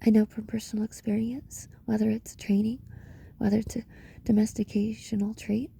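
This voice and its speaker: A woman guides a meditation as a reflective monologue, speaking slowly in short phrases with pauses between them. Her voice is a little high, level and warm, breathy, and often drops to a whisper.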